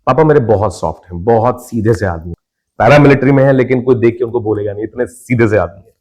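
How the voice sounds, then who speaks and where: The young Indian actor talks quickly in a medium-pitched voice while sharing his life story on a podcast. His casual, lively storytelling includes impressions of his relatives' voices.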